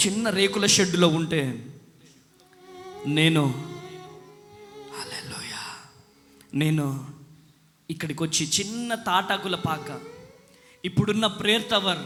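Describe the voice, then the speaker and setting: High-pitched impassioned male preacher. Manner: impassioned, swings from hushed to shouting. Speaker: pastor. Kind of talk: sermon. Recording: long echoey hall with music behind.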